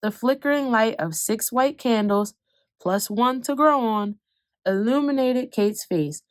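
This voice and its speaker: In this read-aloud storytelling clip, a mid-range female voice performs a children's picture book expressively. She eases her pace in quiet moments and picks it up in thrilling ones, and the recording has no room sound.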